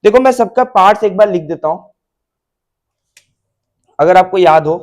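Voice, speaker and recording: A man's voice: high-pitched, lively intonation, moderate pace. A male biology teacher lecturing at a board, mixing Hindi and English, repeating key terms and checking that students follow.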